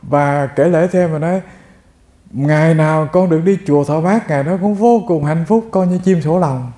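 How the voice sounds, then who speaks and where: A man's voice: a little high, normal speed, mellow, echoey room. A Buddhist monk giving a sermon, telling stories and speaking straight to his listeners. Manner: addresses listeners directly, storytelling. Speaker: monk giving a Dharma talk.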